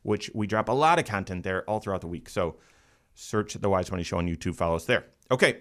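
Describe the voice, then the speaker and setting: A man's voice: low voice, expressive, quick pace. A man hosting a casual financial talk show in a studio, chatty and upbeat, lifting his energy at segment ends. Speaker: host. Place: radio studio.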